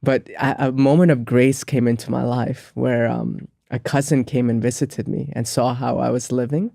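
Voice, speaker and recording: A man's voice: mid-range voice, fairly even intonation, normal speed, creaky, warm tone, no echo, studio quality. A man, a monk and spiritual teacher, telling his life story as an interview guest in a reflective, earnest way with frequent ums and restarts. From grew up in the United States.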